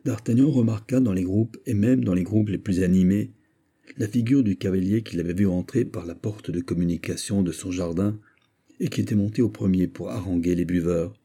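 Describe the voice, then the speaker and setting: A man narrating a classic novel as an audiobook in a steady, measured reading. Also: low-pitched, slightly rough.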